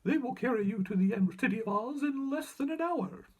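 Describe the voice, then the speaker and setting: A tiny mouse queen as played by a male narrator, pitched very high and squeaky. She is brisk, helpful and regal, straight out of a children's storybook. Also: animated, darkish tone, exaggerated voice. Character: squeaky little old-world Queen of the field mice, brisk and helpful.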